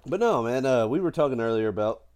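A man's voice: mid-range voice, expressive, fast, a little mellow, clean tone. A middle-aged man who is sick with a cold, chatting casually and jokingly as a podcast co-host. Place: at home in a house.

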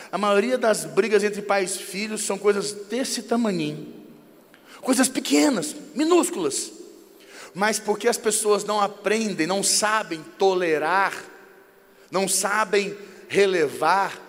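A man with a Brazilian Portuguese accent giving an informal sermon on marriage, telling stories lively and acting out dialogues. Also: high-pitched, in a large hall. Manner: lively storyteller who acts out dialogues.

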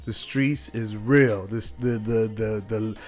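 A man's voice: lowish voice, steady tone, takes it slowly, darkish tone, soft background music. Slangy, bro-like American man hosting a podcast. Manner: laid-back, slangy, bro-like delivery peppered with "yo" and "you know what I'm saying". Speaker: podcast host. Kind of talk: casual solo podcast monologue with hip-hop slang.

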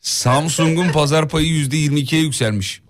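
A man's voice: on the high side, normal speed. A man hosting a radio show, reading out news items in a casual chat and correcting his co-host.

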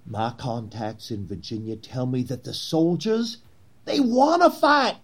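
Playing a grandiose, persuasive leader of a Confederate conspiracy in an 1860s period drama, a man delivers rousing, theatrical, pleading oratory with emphatic pauses. His voice sits in the mid-range and is expressive.

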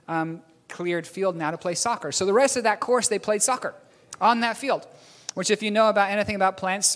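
A preacher from New Zealand, his voice high and fairly bright, wanders a bit through a story-driven sermon. When he slips, he corrects himself with a chuckle, all under a long hall reverb.

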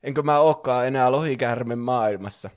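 A man's voice: medium pitch, clear, resonant tone, close to an everyday voice. A man voicing a young male dragon, polite and bewildered after falling from the sky. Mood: confused. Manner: grateful, bewildered.

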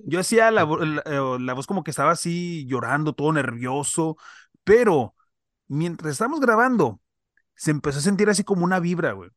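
A man's voice: on the high side, very animated, fairly quick, fairly bright tone, no room sound, clean studio sound. Slangy Mexican man trading stories. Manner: slangy, loose reactions. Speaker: podcast co-host. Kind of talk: casual storytelling chat.

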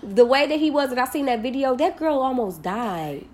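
A young woman with a slightly high voice talks in a casual, blunt and animated way. She swears freely as she chats with her co-hosts. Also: moderate pace, a little hiss or hum. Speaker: podcast co-host. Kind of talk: casual chat.

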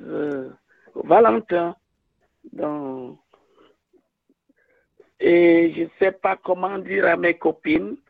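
A woman calling in to a radio show over a phone line, speaking haltingly with many restarts. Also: deep voice, gravelly, no room sound. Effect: caller heard over a phone line. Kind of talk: call-in testimony.

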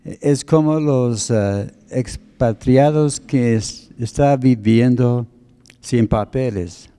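A man preaching, taking his time as he explains words one by one. His voice is very dark and mellow, sitting at an ordinary pitch for a man. He speaks slowly and deliberately. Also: clean tone. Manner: slow, deliberate, explains word meanings. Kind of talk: sermon teaching.

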